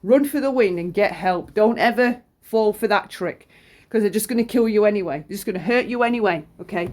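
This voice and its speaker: A middle-aged woman speaks at a medium pitch in an informal monologue. She sounds chesty and congested with flu. Her delivery is blunt and opinionated, peppered with swearing and emphatic repetition. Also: a little fast, a little mellow. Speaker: true-crime commentator.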